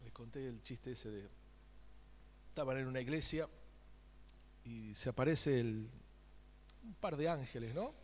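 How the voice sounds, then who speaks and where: A man's voice: medium pitch, animated, a little slow, pauses often, big-room sound. A man preaching a sermon, asking the congregation questions and making joking asides. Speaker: pastor. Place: church sanctuary.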